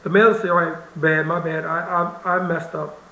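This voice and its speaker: A man's voice: fairly high pitch, level tone, normal speed, pushed and bright, roomy sound, low-quality recording. A man hosting a reaction video, commenting bluntly and with wry irritation on the clip he plays. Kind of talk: casual commentary over a played video.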